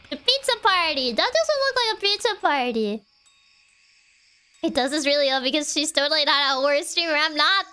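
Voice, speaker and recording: A woman's voice: sits high, sharp tone. A woman game streamer giving casual, playful live commentary in a chatty, giggly way.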